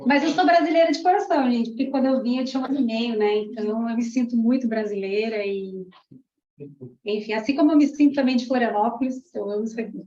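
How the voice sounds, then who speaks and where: An Argentine parapsychologist and teacher in her thirties gives an emotional, chatty testimonial to a class. She talks fast in a voice on the high side, warm and full of "né"s. The sound is roomy, dull, and lo-fi.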